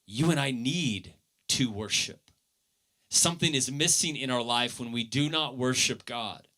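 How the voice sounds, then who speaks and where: A man preaching a sermon as pastor, earnest, with his voice swelling loud and then dropping low. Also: measured pace.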